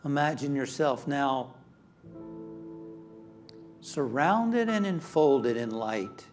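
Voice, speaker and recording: A man leading a spiritual guided meditation in a calm, measured manner with long pauses. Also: medium pitch. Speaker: meditation leader. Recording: music behind the voice. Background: instrumental music.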